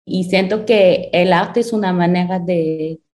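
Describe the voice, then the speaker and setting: A woman's voice: on the low side, unhurried, darkish tone. A woman guest on a panel, answering thoughtfully with frequent laughter and many restarts.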